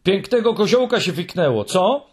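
A man voicing a tiny, cheeky girl creature who speaks in a brisk, teasing way. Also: high-pitched, animated, husky, voice pushed up.

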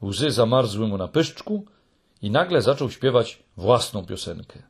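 A man narrating a children's tale in an expressive, dramatic way. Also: lowish voice, unhurried, gravelly, husky.

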